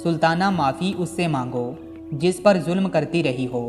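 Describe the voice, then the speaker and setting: A man's voice: a little high, moderate pace, lightly acted. A man voicing a stern, fair-minded older uncle in a storybook reading, with a reproachful manner. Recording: long reverb with background music.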